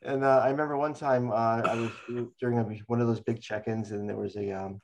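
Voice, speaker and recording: A man's voice: mid-range voice, flat delivery, quick pace, a little hiss or hum. Older man telling rambling stories. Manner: rambling storyteller, frequent restarts. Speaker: interviewee. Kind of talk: oral history interview.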